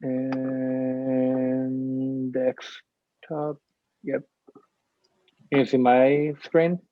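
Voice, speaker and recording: A man's voice: mid-range voice, flat delivery, very slow, dry recording. Man demoing a tool over a video call. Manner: explains step by step with frequent ums. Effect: heard over a video call. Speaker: workshop presenter. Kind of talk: screen-share tutorial walkthrough. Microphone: computer mic on a video call. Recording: dull, dry video-call audio.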